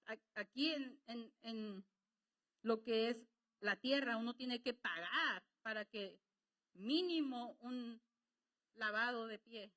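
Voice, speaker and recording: Slow, high-voiced woman preaching. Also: fairly bright tone, low-quality recording. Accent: Latin American Spanish. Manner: emotional, conversational preaching with rising emphasis. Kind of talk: sermon.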